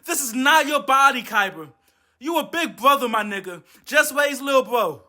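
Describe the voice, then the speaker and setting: A man's voice: very high-pitched, lively intonation, moderate pace, sharp tone. A man doing a comedic anime commentary rant, exasperated, profane and mocking. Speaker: video essayist.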